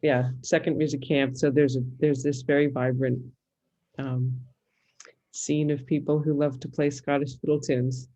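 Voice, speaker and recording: This interview guest, a Californian musicologist and fiddler with an American accent from that state, speaks casually and hesitantly as she thinks aloud. Her voice is a rumbling low, warm and level at an unhurried pace, in a low-quality recording.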